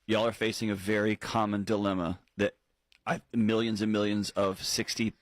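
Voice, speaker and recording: A man from Houston hosting a call-in advice radio show, emphatic and reassuring, slowing down for key points. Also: lowish voice, level tone, no echo. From Houston, Texas. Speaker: radio talk show host. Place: radio studio. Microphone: studio microphone.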